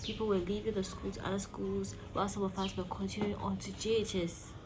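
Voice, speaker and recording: A woman vlog host with a medium-pitched, level voice speaks briskly over background noise and music. She tells a personal story casually and emphatically, talking straight to her listeners.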